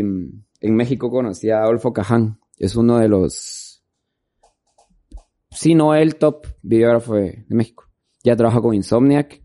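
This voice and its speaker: Rambling and filler-heavy, a man who works as a videographer tells stories during a relaxed interview. His voice has a medium pitch and a dark tone.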